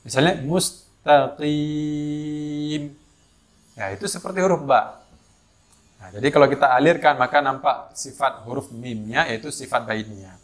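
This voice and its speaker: A man with an Indonesian accent teaching Quran recitation, explaining pronunciation with many fillers and chanting slow, drawn-out examples. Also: mid-range voice, fairly bright tone. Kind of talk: tajwid lesson with demonstrations.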